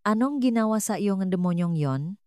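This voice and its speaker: A woman narrator voicing a kind older woman who shelters a runaway girl, speaking in a hushed, soothing way in a storybook tale. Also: mid-range voice, expressive, moderate pace, clean tone, no echo, clean studio sound, lightly acted.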